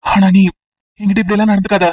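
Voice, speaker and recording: A man's voice: high voice, little pitch movement, quick pace, darkish tone, no room sound, far from the mic, rough recording. A man voicing a hot-tempered young cop. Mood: earnest. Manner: pressing, confrontational, rough. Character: intense young policeman Vijay, possessive and hot-tempered. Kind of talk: cartoon story voice acting.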